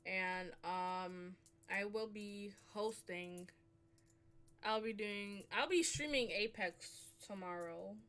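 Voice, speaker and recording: A young woman hosting a casual podcast, talking loosely and breaking into loud bursts of laughter. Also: mid-range voice, slow, clean tone. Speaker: podcast host. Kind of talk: casual chat.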